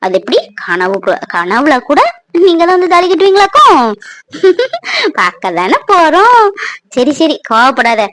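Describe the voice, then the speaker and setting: Playing a chatty, playful village girl who's wary of her strict family, a young woman acts in a village romance fan drama about family. Her voice is very high and exaggerated, a little slow, with long pauses, though her intonation stays lively.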